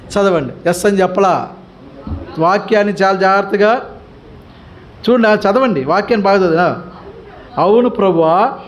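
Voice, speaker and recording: A man's voice: sits high, slight background noise. A male pastor with a Telugu accent teaching the Bible, questioning his congregation over and over and pushing them to answer, with English words dropped in. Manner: mixes English words into the talk.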